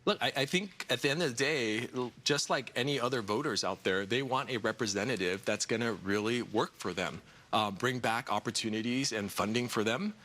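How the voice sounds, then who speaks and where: The forties-aged U.S. congressional candidate, earnest in his TV studio interview, talks a little fast with a medium-pitched, bright, forceful voice, leaning on fillers and repeated words. A slight hiss or hum is present.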